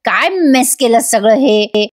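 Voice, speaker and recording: Woman doing a young husband, irritable, stubborn, impatient retorts, fairly high voice. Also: lively intonation, slow. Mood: irritated.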